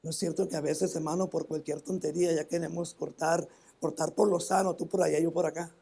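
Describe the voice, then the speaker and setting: His voice is a little high, gravelly and mellow, with fairly even intonation: a pastor with a northern Mexican accent preaching a sermon with personal testimony in church. He calls the congregation "hermano" frequently and keeps restarting his phrases.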